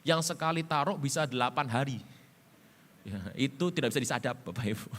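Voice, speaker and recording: A middle-aged male pastor telling stories in a sermon, animated, swinging between loud emphatic bursts and quiet low asides. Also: a little fast. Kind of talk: storytelling sermon. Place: church sanctuary. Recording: church hall reverb.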